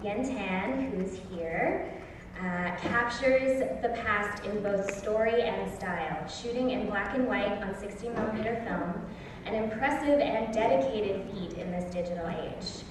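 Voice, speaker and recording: A woman's voice: medium pitch, a little slow, background noise. A woman hosting a festival opening, giving a prepared, earnest and impassioned speech from a theatre stage. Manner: earnest and impassioned, with stresses on key words. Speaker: festival host. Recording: echoey hall recorded from far off.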